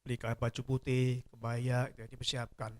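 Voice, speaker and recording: A man's voice: medium pitch, little pitch movement, normal speed. A middle-aged man preaching a sermon as a church pastor, telling stories and repeating phrases for emphasis. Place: church service.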